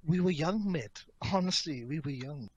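A man in his thirties with a slightly high-pitched voice. He reminisces casually, very sweary and matey, leaning hard on his words. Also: lively intonation, normal speed, highs cut off, crowd noise. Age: 30s.

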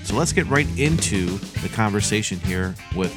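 A man's voice: lowish voice, lively intonation, normal speed. A man hosting a music podcast, reading an introduction and then welcoming and questioning his guests. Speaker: podcast host. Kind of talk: scripted intro then interview.

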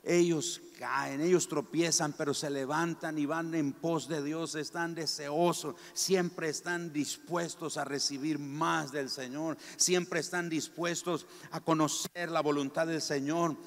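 A man preaching a sermon in a large church, stressing his points by repeating them in slow, drawn-out phrases. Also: fairly high pitch, steady tone, creaky. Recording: long hall reverb.

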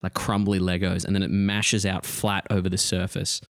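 Low-voiced man running a tabletop game. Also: little pitch movement, moderate pace, vocal fry, clear, resonant tone, no echo, clean studio sound. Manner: casual, descriptive. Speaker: game master. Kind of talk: improvised tabletop game narration.

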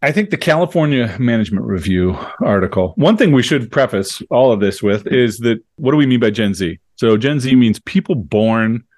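A man co-hosting an academic discussion in a measured, analytical way. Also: mid-range voice, expressive, a little mellow, dry recording, studio quality. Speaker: podcast co-host, college professor in New York.

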